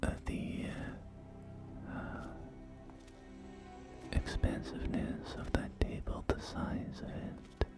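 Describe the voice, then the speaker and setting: Taking it slowly with long pauses, a performer lightly acts the part of an eager, polite post-apocalyptic real estate agent, offering hesitant but courteous sales talk in a whispered ASMR roleplay. The tone stays gently enthusiastic. Music and game audio play behind the close whispering, and the music bed is loud.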